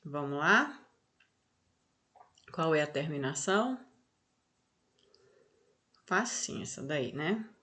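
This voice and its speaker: A woman teacher with a Brazilian accent going over answers in an online class, unhurried, often checking in with "tá?" and "olha só". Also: sits low, animated, bright, forceful tone. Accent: Brazilian Portuguese.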